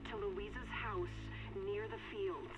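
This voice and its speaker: A woman's voice: medium pitch, slow pace, over loud music. A woman playing an anxious villager in a video game, calling to survivors over a radio. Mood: anxious appeal. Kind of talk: video game cutscene acting. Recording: muffled radio transmission.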